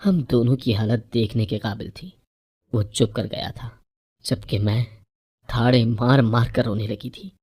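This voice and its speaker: A woman narrating a first-person moral story in a measured, even reading voice. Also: very deep voice.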